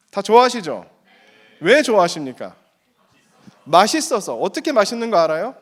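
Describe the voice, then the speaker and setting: A male pastor speaks with a Korean-American accent in a high, very lively voice. He preaches interactively, posing question after question to the congregation. Key phrases come out slowly and emphatically. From United States. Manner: rhetorical questions, emphatic slow repetition.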